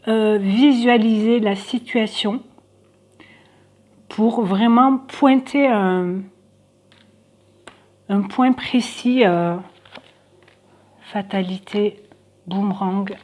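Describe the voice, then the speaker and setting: Female card reader, slow and halting, lots of fillers, casual reading for viewers. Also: mid-range voice, darkish tone. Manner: hesitant, many fillers, thinking aloud.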